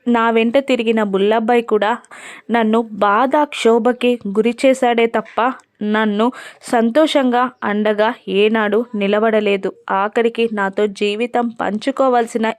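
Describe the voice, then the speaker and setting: An earnest, quiet young wife speaks from the heart, read by a woman narrator. Her voice is fairly high. The sound is close and dry. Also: steady tone, measured pace, no echo, natural voice.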